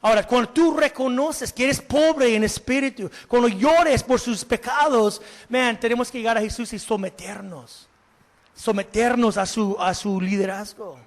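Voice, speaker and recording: A male pastor preaching a sermon, animated, asking the congregation questions and slipping in English words. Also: very high-pitched, moderate pace. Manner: slips English words into Spanish. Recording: long hall reverb.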